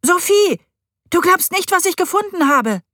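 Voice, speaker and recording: A woman voicing an eager young boy who calls out excitedly. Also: extremely high pitch, moderate pace, no room sound, clean studio sound, pitched above the performer's own voice. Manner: excited, calling out.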